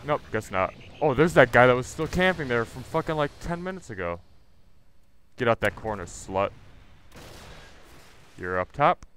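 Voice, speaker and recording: A man's voice: medium pitch, expressive, moderate pace, long pauses, a bit bright, a little hiss or hum. A man giving live gameplay commentary, ranting and swearing with irritation as he plays. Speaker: gaming channel host.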